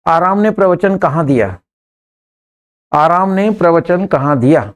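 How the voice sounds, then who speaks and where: An English teacher, coaxing his students through sentences and repeating them slowly word by word in a live class. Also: on the high side, expressive.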